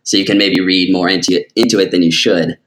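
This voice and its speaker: A man with a very deep voice offering a thoughtful reading of a film, pausing as he works it out. His tone stays calm and considered. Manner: thoughtful, hesitant. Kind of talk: casual film discussion.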